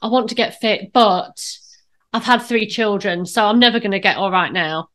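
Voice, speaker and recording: A woman, a personal trainer talking as a guest, emphatic and animated, on a video call from home. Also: medium pitch, normal speed. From Britain. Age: 50s. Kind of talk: casual interview chat.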